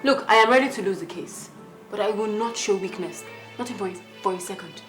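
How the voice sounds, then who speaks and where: A woman's voice: mid-range voice, fairly quick, a bit bright, soft background music, natural voice. An actress with a Nigerian accent playing a proud, defiant young female lawyer in a film drama. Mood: firm.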